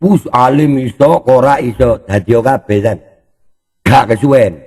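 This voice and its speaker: A man's voice: medium pitch, measured pace, darkish tone, breathy edge. A man hosting a commentary channel, mocking and taunting someone he is reacting to. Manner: taunting, exclamatory, addresses opponent directly.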